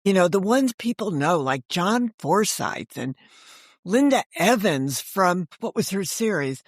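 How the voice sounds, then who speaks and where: Lowish and sing-song, her unhurried voice comes through a dry recording with clean studio sound. She's an author and storyteller being interviewed, telling rambling, chatty stories and giving voice to other people's remarks, all part of spirited, easygoing conversation.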